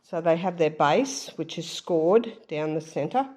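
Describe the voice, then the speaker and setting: A woman's voice: low-pitched, expressive, a little slow, mellow, slight background noise. A woman with a stuffed-up, nasal voice, chatting casually as she shows her craft work, with frequent ums. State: stuffed-up nose. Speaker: craft vlogger. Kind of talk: casual show-and-tell.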